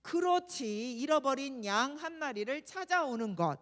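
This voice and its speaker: A woman's voice: sits high, very animated, moderate pace, fairly bright tone, long reverb tail. A woman teaching at a children's worship service, telling a Bible story expressively and asking the children questions. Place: church.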